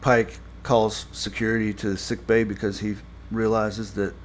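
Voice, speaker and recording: A man giving a casual spoken review, rambling and halting with many fillers and restarts, blunt and critical. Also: lowish voice, level tone, slight background noise. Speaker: show reviewer.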